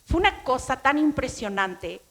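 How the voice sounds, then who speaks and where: A woman's voice: sits high, big pitch swings, moderate pace, fairly bright tone. A middle-aged woman pastor with a Mexican accent, preaching a sermon in a chatty storytelling way and acting out her own past words. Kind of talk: sermon with personal testimony.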